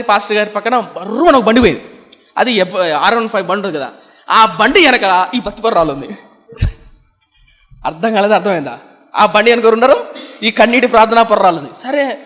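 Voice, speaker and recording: A man with a high voice preaches an emphatic sermon. He keeps asking his listeners questions and answering them himself, repeating key phrases. His voice rings with the long reverb of a church hall. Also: fairly bright tone. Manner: emphatic, repetitive preaching cadence.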